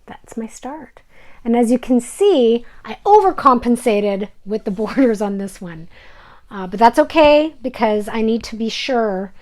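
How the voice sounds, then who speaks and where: Chatty higher-voiced woman showing her stitching. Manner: chatty, self-deprecating, with fillers; drops to soft whispers over her silks. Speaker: cross-stitch vlogger. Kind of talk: casual show-and-tell vlog.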